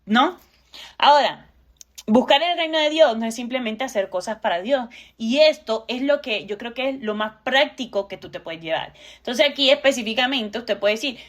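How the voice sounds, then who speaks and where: Woman, slightly high voice, earnest teaching talk, rhetorical questions. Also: lively intonation, moderate pace. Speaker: co-host.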